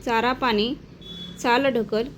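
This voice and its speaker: A woman teacher giving an exam-prep lesson, reading out word pairs one by one in a slow, clear dictation. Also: a little high, steady tone, a little hiss or hum.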